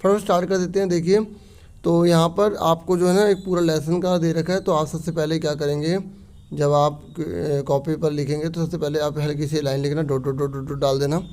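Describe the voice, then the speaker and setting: Male teacher, fairly high voice, patient worksheet walkthrough; slow reading, casual explaining. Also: flat delivery, darkish tone. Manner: reads Sanskrit slowly then explains in quick casual Hindi, with frequent "theek hai". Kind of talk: explaining a Sanskrit worksheet to students.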